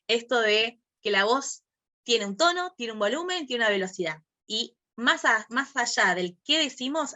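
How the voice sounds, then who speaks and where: A woman's voice: a little high, sharp tone. A woman leading an online workshop on podcasting, explaining step by step, asking rhetorical questions and acting out short examples.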